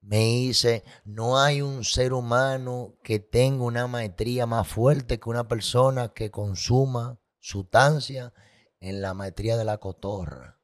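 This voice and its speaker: A man's voice: medium pitch, slow. A man telling his personal story as a guest, candid and emotional, with vivid sound effects and repetition.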